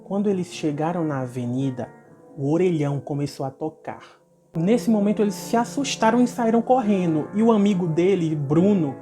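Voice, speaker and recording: A woman's voice: on the low side, mellow. Chatty Brazilian woman telling a ghost story. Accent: Brazilian Portuguese. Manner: chatty, with asides and comments to the audience. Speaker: storyteller and channel host. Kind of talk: casual narration of a viewer's supernatural story. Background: background music.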